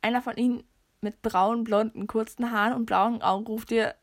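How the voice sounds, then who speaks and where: A woman's voice: a little high, steady tone, brisk, no echo, studio quality. A young woman co-hosting a casual podcast chat, bubbly and giggly, dropping English words into her talk. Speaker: podcast co-host. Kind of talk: casual chat, reading a quiz aloud.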